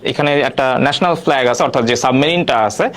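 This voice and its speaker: A man's voice: mid-range voice, quick pace, a bit bright. A man teaching an online quiz class, repeating each question and prompting viewers to answer.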